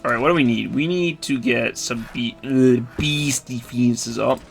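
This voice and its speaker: A man's voice: medium pitch, moderate pace, vocal fry. A man giving casual, rambling, self-deprecating commentary as he plays a video game. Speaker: gamer, video host. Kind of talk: casual let's-play commentary.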